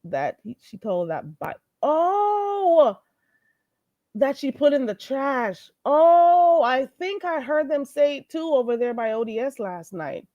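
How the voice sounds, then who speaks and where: Her voice sits high with big pitch swings and a warm tone, and she takes it slowly. She's a slightly stuffy-nosed livestream host dishing out blunt, profane gossip while welcoming and thanking viewers mid-conversation. The recording is muffled but has no echo.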